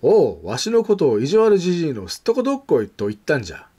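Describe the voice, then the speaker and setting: A man voicing a grumpy, scolding old grandfather with gruff old-fashioned speech, reading a picture book aloud. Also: on the high side, huge pitch swings, quick pace, mellow, full character voice.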